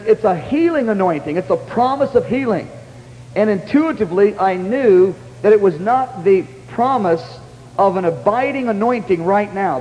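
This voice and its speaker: Male preacher, high-pitched and animated, lively testimony storytelling, reverberant church hall with faint hum. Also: muffled recording. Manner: animated storytelling, breaks into high excited exclamations. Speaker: pastor. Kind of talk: sermon testimony.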